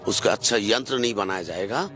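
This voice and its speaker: Emphatic tantric guest, low voice. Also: a little fast, a bit bright, a little hiss or hum. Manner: emphatic, lecturing, plain rustic Hindi phrasing. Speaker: tantric practitioner being interviewed. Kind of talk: slow explanatory interview answers.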